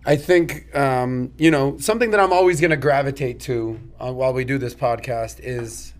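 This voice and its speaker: A man with a mid-range voice co-hosts a studio podcast. He keeps asking pointed, probing follow-up questions in a relaxed conversational tone. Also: mid-range voice, normal speed. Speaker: podcast co-host. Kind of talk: casual podcast debate.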